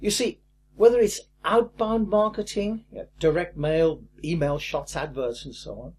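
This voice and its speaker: An older man teaching a recorded course lesson in a lively, emphatic way with a husky voice. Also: a little high, moderate pace, slight background noise. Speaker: course instructor.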